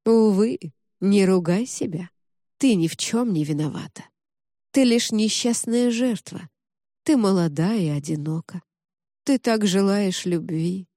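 A woman's voice: unhurried, dark tone, dry recording, clean studio sound, close to an everyday voice. A woman voicing a cruel, manipulative female phantom in an audiobook, coaxing in an insidious tone. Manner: insidious, coaxing whispers turning shrill. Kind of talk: audiobook character reading.

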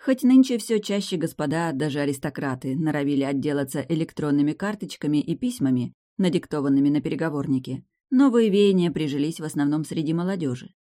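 An audiobook narrator telling a story in a steady, measured way. The voice sits at an ordinary middle pitch and keeps an unhurried, even flow from one sentence to the next. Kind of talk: audiobook narration, reading all characters.

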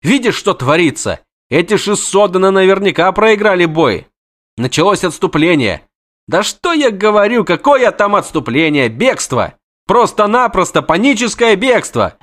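A man's voice: high-pitched, very animated, a little slow, a bit bright, pitched above the performer's own voice, full character voice. A man voicing a panicky, talkative young male bard who pleads in breathless exclamations. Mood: panicked.

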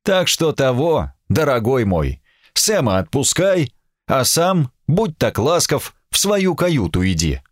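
A man voicing a slightly hoarse ship's watch officer who drawls in a relaxed, snide way. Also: medium pitch, takes it slowly, no room sound, clean studio sound, pitched above the performer's own voice. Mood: lazy, mocking.

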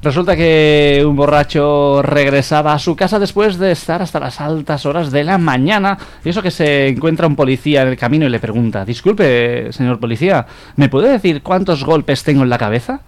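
A man's voice: on the high side, normal speed. A man hosting a radio comedy show, trading teasing banter and telling jokes. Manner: playful, teasing, animated storytelling.

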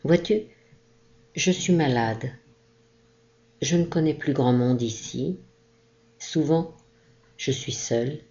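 A woman reading as a gentle old sea captain. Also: extremely low pitch, muffled recording. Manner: gentle, caressing, reassuring.

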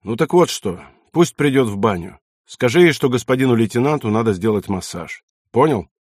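A man's voice: mid-range voice, animated, moderate pace, a little mellow, no echo, lightly acted. A hard-edged young officer, read by a male audiobook narrator, clipped and commanding with a cynical streak. The voice stays close to the reader's own and sounds dry and near. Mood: casual. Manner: curt and commanding, sometimes mocking.

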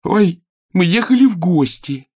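A man's voice: sits high, expressive, unhurried, a little mellow, slightly rough, dry recording, studio quality, pitched above the performer's own voice, full character voice. A man voicing a frightened little girl disguised as a page, whimpering and crying out in pain.

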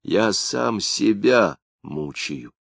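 A man's voice: lowish voice, animated, extremely slow, gravelly, breathy edge, no echo, clean studio sound, pitched above the performer's own voice, heavily acted. A man doing a sulky bitter young thief.

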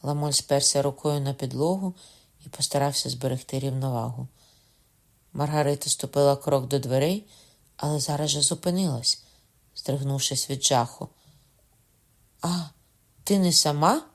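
A man narrating a historical novel, his voice mid-pitched with a noticeable gravelly rasp. The reading is steady and measured, in even storytelling rhythm. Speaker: audiobook narrator. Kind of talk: scripted literary narration.

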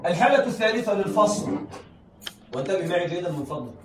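Fast, high-voiced male teacher in an echoey classroom. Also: expressive. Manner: checks often that students follow, repeats phrases. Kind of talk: classroom lesson on Arabic rhetoric. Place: classroom with students. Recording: echoey room, voice from far off, faint background noise.

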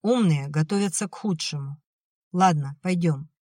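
A reader voicing a curt, sharp-tongued young woman in an audiobook. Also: medium pitch, normal speed, no echo, studio quality, natural voice. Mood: stern. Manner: curt and cutting.

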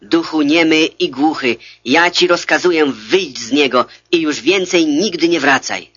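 A man reads the words of Jesus in the role of a calm adult teacher, giving a measured, solemn scripture reading. His voice is on the high side with a breathy edge, and the recording sounds dull and lo-fi.

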